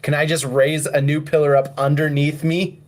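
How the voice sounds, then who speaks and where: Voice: mid-range voice, flat delivery, moderate pace, darkish tone. A player in a tabletop game, asking careful questions about rules and calling out dice rolls.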